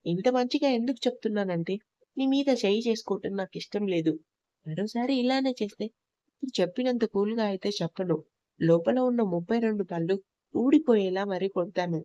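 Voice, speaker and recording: A woman's voice: medium pitch, brisk, dark tone, no room sound, lo-fi sound, lightly acted. A woman voicing a stern, possessive young husband in a storybook reading, speaking harshly and commandingly. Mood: threatening.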